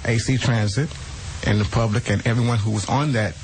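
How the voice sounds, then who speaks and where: A man's voice: medium pitch, fairly even intonation, brisk, a little mellow, a little hiss or hum, low-quality recording. A man in his fifties answering radio interview questions hesitantly and apologetically, often repeating words. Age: 50s. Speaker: interview guest.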